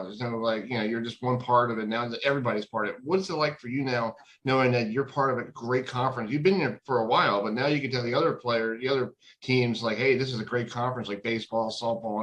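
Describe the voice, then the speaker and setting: Male sports radio host, Long Island accent, quick pace, rambling strings of questions. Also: medium pitch, fairly even intonation, a bit bright, poor audio. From Long Island, New York. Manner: rambling, rapid-fire questions. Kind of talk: radio interview.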